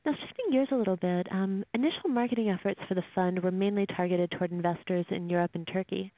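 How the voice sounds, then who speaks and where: A radio show host asking interview questions, brisk and agreeable, with steady backchannels. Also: mid-range voice, no room sound. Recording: dry, muffled radio audio.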